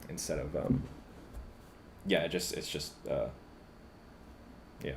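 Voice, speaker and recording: Deep-voiced man musing while he works. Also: slight background noise. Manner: halting and musing, many fillers, laughs at himself. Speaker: composer streaming live orchestration work. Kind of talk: casual live-stream, thinking aloud.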